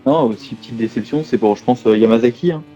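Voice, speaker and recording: A man's voice: medium pitch, fast talker, mellow, lo-fi sound, a little hiss or hum. A man adding casual remarks as co-commentator on a live motor race.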